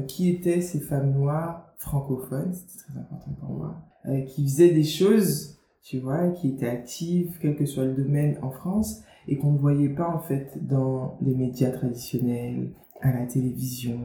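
A young author and media founder from Guadeloupe, here a guest in an interview, has a low, dark voice and speaks at normal speed. Her talk is casual and chatty, with plenty of fillers and false starts. Faint noise sits in a roomy-sounding recording.

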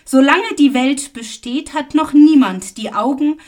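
A woman voicing a man born blind and now healed, read slowly in a Bible reading. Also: sits high. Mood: earnest. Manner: slow, plain reading voice.

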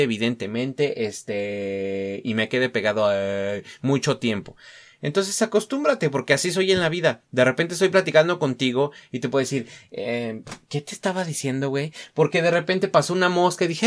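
A man's voice: mid-range voice, animated, normal speed. A young Mexican man talks loosely into his podcast mic, wandering off topic and tossing in slang and fillers. His voice sits in an ordinary middle register, and his easy, self-mocking chat keeps drifting from point to point. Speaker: podcast host. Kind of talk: casual solo podcast monologue.

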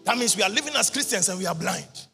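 A man preaches in a very high, husky, gravelly voice, chanting half-sung lines and breaking into shouts. The sound rings bright and sharp. His voice echoes through a large hall with soft music underneath. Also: animated, fast. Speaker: prophet preaching. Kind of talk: sermon. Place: large church or convention hall. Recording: reverberant hall with music behind.

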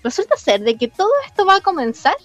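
Woman, Chilean accent, high voice, casual radio host, playful and exclamatory, chatty, music behind. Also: big pitch swings, quick pace. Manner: playful, exclamatory, addresses listeners directly. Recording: music bed under the voice.

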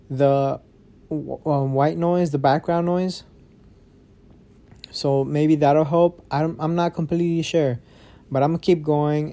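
A man's voice: on the high side, mellow. A man hosting a podcast, recording on his phone under a blanket, talking in a rambling, frustrated way and swearing often. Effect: muffled, recorded under a blanket. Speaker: podcast host. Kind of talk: casual solo podcast chat.

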